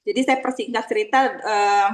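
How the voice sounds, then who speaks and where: A woman doctor telling a patient anecdote in a measured, unhurried way during a group discussion. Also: mid-range voice, fairly even intonation. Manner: slow, measured storytelling with fillers.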